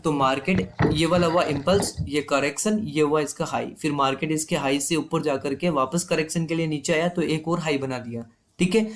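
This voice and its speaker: A man's voice: fairly high pitch, moderate pace. A man teaching a live online trading class. He explains step by step and keeps checking with his students.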